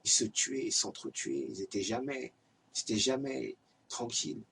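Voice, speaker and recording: A man's voice: mid-range voice, sing-song, normal speed, gravelly, fairly bright tone, far from the mic, slight background noise. A man giving an earnest, exhorting religious reminder in an amateur home video. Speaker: lay preacher.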